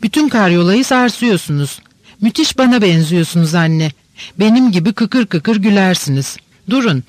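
A man reading the part of a lively, stubborn teenage girl in an audiobook, teasing and insistent. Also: sits high, moderate pace, no room sound. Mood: eager.

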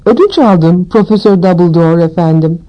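A woman voicing a huge, gruff, tender-hearted male giant who politely calls everyone sir, in a storybook reading. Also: fairly low pitch, normal speed, lo-fi sound, natural voice. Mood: deferential. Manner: deferential, says sir often.

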